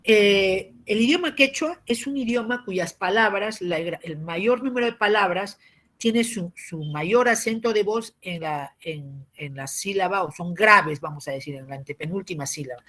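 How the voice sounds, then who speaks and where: A man's voice: sits high, moderate pace, bright, forceful tone. Patient man teaching. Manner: explains patiently, often adds tag questions and clears his throat. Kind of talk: spoken civics lesson.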